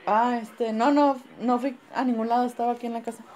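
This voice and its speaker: A young Mexican woman vlogging in casual chat with her boyfriend, giggly and excitable, laughing through her words. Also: fairly high pitch, a little fast, some chatter behind.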